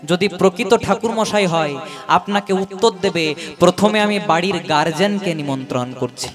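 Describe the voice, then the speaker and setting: A man's voice: sits high, normal speed, over music. A man, a kirtan singer and preacher giving a devotional sermon, addressing listeners as mothers and fathers and posing rhetorical questions. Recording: live performance with loud instrument accompaniment. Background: devotional instruments playing.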